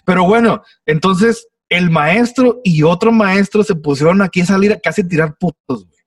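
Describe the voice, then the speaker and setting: A young man with a Mexican Spanish accent tells a story with plenty of slang and swearing. His voice sits a little high. He comes through a dry, distant mic on a shaky video call. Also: normal speed, no room sound. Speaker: podcast guest. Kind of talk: casual storytelling chat.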